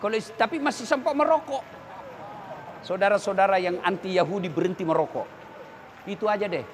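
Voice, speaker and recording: A man's voice: high voice, a little fast, a little hiss or hum. A man preaching a humorous sermon to students, joking and acting out little dialogues. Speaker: Islamic preacher.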